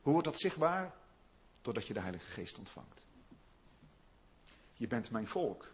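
A male preacher delivers a sermon, his husky voice swinging widely in pitch. He builds to loud, emphatic peaks, then falls back to low, quiet asides. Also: very animated, measured pace.

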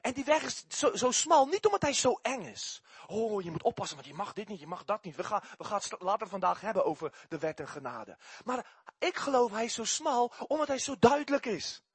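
Male preacher, husky and dry, lively swings between loud and soft, stammers into repeats. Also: sits high, brisk, no echo. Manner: animated, repeats words when excited. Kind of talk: sermon with personal testimony.

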